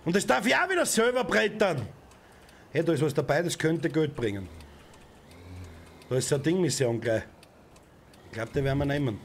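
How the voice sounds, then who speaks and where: A young man with an Austrian accent commenting on a driving game from his home setup, who often shouts and swears at other drivers. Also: a little high, sing-song, moderate pace, pauses often, slight background noise. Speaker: gaming streamer. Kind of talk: let's play commentary. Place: home gaming room. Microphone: desk mic with headset.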